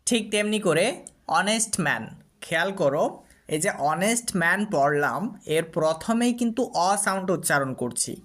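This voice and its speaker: A man with a Bengali accent explains English grammar in the steady manner of a classroom teacher. He repeats example words and drills them patiently. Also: on the high side, moderate pace. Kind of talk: explaining lesson to students.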